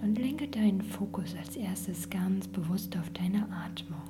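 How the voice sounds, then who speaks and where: A woman whispering a guided sleep meditation like a sleep story narrator, gentle and soothing. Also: medium pitch, a little slow, noisy background. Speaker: podcast host and meditation guide.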